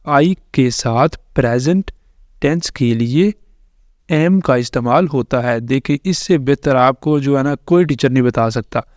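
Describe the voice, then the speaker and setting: A man, explaining English grammar and pronunciation slowly and repetitively in a tutorial. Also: mid-range voice, a little mellow, no room sound, clean studio sound. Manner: slow, repetitive explaining with frequent fillers. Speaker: English teacher. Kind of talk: screen-recorded tutorial explanation.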